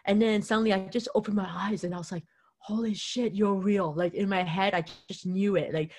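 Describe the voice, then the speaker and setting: A woman's voice: mid-range voice, steady tone, quick pace, darkish tone. A young woman telling a personal story in a rambling, casual way, full of fillers and quoted self-talk. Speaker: vlogger.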